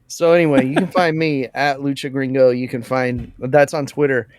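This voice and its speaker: A man's voice: medium pitch, fairly even intonation, moderate pace, darkish tone. A man co-hosting a podcast in casual chat, jokey and teasing, struggling with hiccups. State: has the hiccups. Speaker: podcast co-host.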